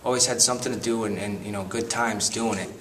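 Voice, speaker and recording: A man in his late twenties from Connecticut rambles through his memories, full of restarts. His voice is low, picked up from a distance with a faint hiss. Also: steady tone, fast talker. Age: 20s. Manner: rambling, lots of you-knows and restarts. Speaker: interviewee. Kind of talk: documentary testimony.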